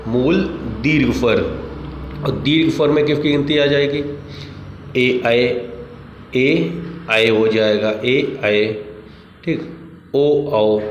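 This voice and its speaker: A male teacher giving an exam-prep grammar lesson, asking questions and answering them himself. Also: mid-range voice. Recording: echoey room, dull lo-fi sound, faint background noise.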